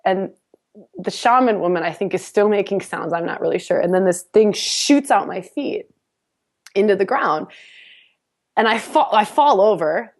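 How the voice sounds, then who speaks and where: A woman guest on a podcast, telling a personal story in a casual, animated way, often laughing and restarting her sentences. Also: medium pitch, moderate pace.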